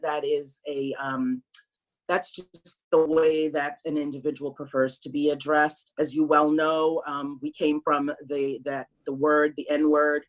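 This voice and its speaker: A middle-aged woman from Brooklyn talking as an interview guest, thoughtful and measured, with frequent pauses and restarts. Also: sits low, flat delivery, poor audio. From Brooklyn, New York, USA. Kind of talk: candid sit-down interview.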